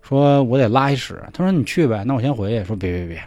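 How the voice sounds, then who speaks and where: A man telling a ghost story in casual chat, acting out the dialogue in hushed voices. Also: medium pitch, fast talker, no room sound. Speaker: podcast storyteller.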